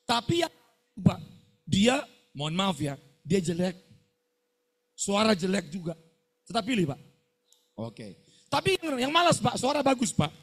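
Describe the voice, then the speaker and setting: A man's voice: sits high, big pitch swings, measured pace, long pauses, slightly rough. A middle-aged male pastor, preaching a scolding sermon to students and firing call-and-response questions at them.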